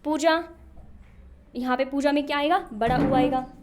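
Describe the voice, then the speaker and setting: A woman's voice: high-pitched, steady tone, moderate pace, noisy background. A young woman teaching a Hindi spelling lesson for exam preparation, asking questions and answering them herself. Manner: repetitive questioning, answers her own questions.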